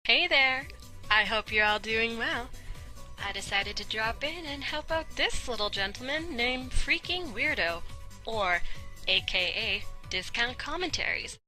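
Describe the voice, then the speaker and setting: A woman narrating a commentary in a smooth, teasing, sultry manner. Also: a little high, animated, unhurried, over music.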